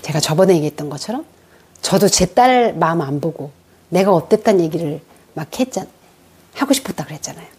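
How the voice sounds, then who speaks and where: A middle-aged woman telling her own story in an earnest, candid way, calmly retelling talks with her mother. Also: on the low side, brisk, breathy edge. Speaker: vlogger. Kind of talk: reflective personal talk.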